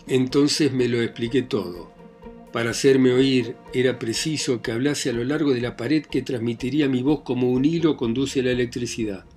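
A man reading a novel aloud, his voice of middle pitch kept low and hushed. He paces the story in a measured, dramatic way, with soft music faintly behind him. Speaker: audiobook narrator. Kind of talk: scripted novel narration.

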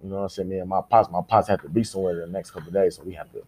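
A man's voice: deep voice, very fast, a little mellow. A man with an American accent, from Kalamazoo, chatting casually as a guest rapper in profane, repetitive slang. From Kalamazoo, United States. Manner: slangy, profane, repeats himself.

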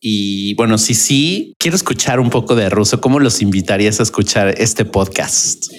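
A man's voice: lowish voice, moderate pace. Playful Latin American man hosting. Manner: playful, teasing, laughs a lot. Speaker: podcast host. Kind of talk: casual podcast interview.

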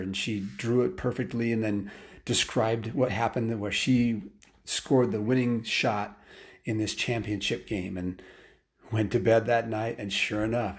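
A man spins a story aloud in a relaxed, unscripted way. He backtracks and restarts often, with an everyday middle pitch, and he gets more animated when the story builds. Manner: casual and rambling, with many restarts and fillers. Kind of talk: improvised bedtime-style story told aloud.

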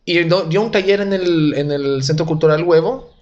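A man's voice: fairly high pitch, moderate pace, darkish tone, muffled recording. An Italian-born man in his young adult years, a comedian telling jokes and rambling stories in a casual interview. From Italy. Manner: joking, self-deprecating, rambling. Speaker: comedian guest.

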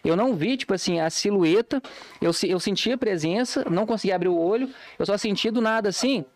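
A man co-hosting a podcast, telling stories in a relaxed, slangy casual chat. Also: high voice, fast talker. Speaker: podcast co-host. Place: podcast studio.

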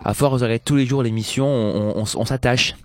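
A man's voice: medium pitch, steady tone, fast, darkish tone, no room sound. A man on a talk-show panel chatting casually, stumbling and repeating words as he goes. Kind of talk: casual chat.

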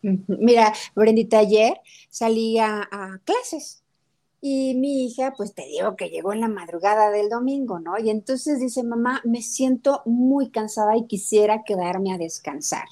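A middle-aged woman with a Mexican Spanish accent, speaking in a fairly high voice. She talks in a lively, conversational way and acts out quoted lines as she tells her stories. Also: a little slow. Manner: animated storytelling, acts out quotes of her daughter. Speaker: guest nutrition speaker. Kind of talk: conversational talk interview.

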